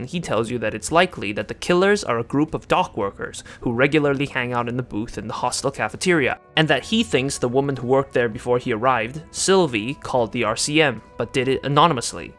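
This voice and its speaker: A man's voice: medium pitch, fairly bright tone. A man hosting a video essay in scripted commentary, sarcastic and joking.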